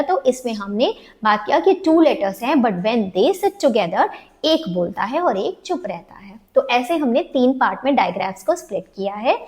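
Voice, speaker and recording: A woman with an Indian English accent teaching a phonics lesson to parents, switching between Hindi and English and slowing down to sound out letters. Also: a little high, a little mellow. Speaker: phonics trainer.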